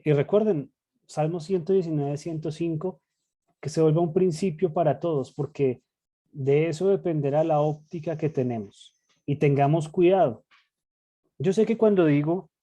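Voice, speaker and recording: A man's voice: a little high, warm tone. A man leading a casual group Bible study, reflective and self-critical, often repeating his words as he thinks aloud. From Latin America.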